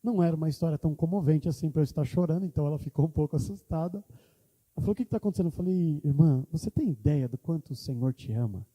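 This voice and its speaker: Impassioned pastor in echoing church. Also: male voice, on the high side, animated, fast, mellow, husky. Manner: impassioned preaching, quoting prayers aloud. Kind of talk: sermon. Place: church hall. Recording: church hall reverb.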